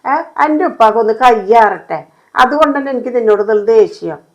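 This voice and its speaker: A woman's voice: fairly high pitch, lively intonation, fairly quick, low-quality recording. A woman playing a harsh scolding stepmother. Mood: scornful. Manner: scolding, scornful, sarcastic. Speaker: stepmother in a family skit. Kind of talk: amateur family short film acting.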